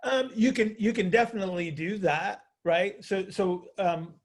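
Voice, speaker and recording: On a group call, a man with a high, unhurried voice coaches in a conversational, teacherly style. He frequently checks understanding with questions and repeats phrases for emphasis.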